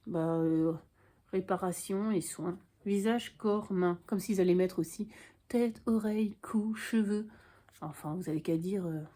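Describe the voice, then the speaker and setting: A woman book vlogger talks casually to her camera from a room at home. Her voice is mellow and warm, and she sits at a middling pitch. She is chatty and frank and drops in dry asides.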